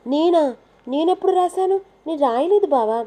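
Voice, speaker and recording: A woman voicing a playful young wife who teases her husband, in a mellow, warm voice. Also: mid-range voice, moderate pace, lightly acted. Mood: protesting.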